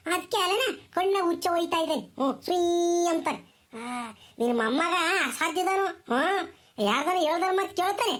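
A strict village mother with a very high, sharp voice, played by a woman, nagging and scolding in a rural Tumakuru Kannada accent. She rattles off her complaints in brisk, rhythmic village talk for a comedy skit. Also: animated. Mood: complaining.

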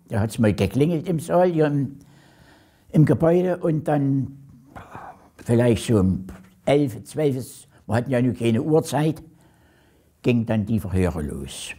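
A man in his eighties recounting his past in an interview, speaking slowly with halting pauses. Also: medium pitch, warm tone, breathy edge. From Germany. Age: 80s. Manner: slow, halting, pauses often. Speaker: former prisoner, interviewee.

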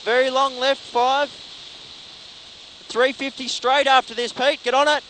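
A man co-driving in a rally car, calling rapid pace notes in urgent, clipped, repeated bursts. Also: very high voice, flat delivery, bright, forceful tone, poor audio. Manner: urgent, clipped, repetitive calls. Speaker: rally co-driver. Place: inside a moving rally car. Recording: in-car recording with clear vehicle noise.

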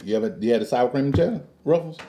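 A man's voice: mid-range voice, expressive, very fast, warm tone, slight background noise. A middle-aged man chatting casually and playfully as he hosts a snack review at home. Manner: joking, playful, chuckles as talking. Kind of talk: casual food review chat. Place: living room at home, indoors.

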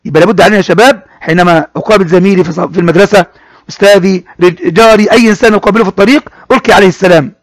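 A man teaching a primary school class, talking straight to the pupils and repeating words slowly as he explains them. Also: high-pitched, steady tone, no room sound. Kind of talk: classroom lesson explaining a poem.

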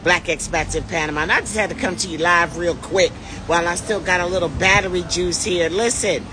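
A middle-aged woman with a lowish voice speaks briskly over a noisy background, music clearly audible behind her. A vlog host and tour organizer, she's on a city street doing a casual live selfie video, phone at arm's length, enthusiastically calling her viewers y'all.

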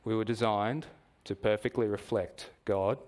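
A man with an Australian accent preaching a sermon in a church, measured and explanatory, asking the congregation questions. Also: on the low side, fairly even intonation, a little mellow.

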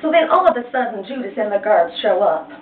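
A woman's voice: mid-range voice, sing-song, fast, slight background noise. A woman teaching a painting lesson, chatty and playful, retelling a story in slang, recorded tinny and far from the mic in an echoey room. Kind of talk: casual art lesson with storytelling.

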